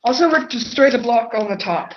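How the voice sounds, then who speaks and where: Higher-voiced woman giving orders, lo-fi. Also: expressive, a little fast, a little hiss or hum. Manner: bossy, corrects and interrupts often. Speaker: co-host giving instructions. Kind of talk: casual game tutorial chat. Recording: dull lo-fi audio.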